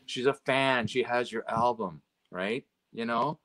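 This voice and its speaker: A man, a road manager from Canada, telling lively anecdotes as a guest and acting out quoted lines, often checking in with "right?". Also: medium pitch, measured pace. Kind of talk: casual storytelling chat.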